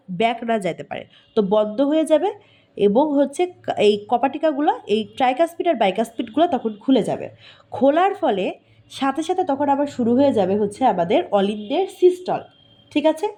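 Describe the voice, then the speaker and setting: A woman's voice: high voice, dark tone. A woman giving a recorded zoology lecture, explaining step by step, asking questions and answering them herself, checking in often and correcting herself. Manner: frequent "thik ache?" checks, self-corrections. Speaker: teacher.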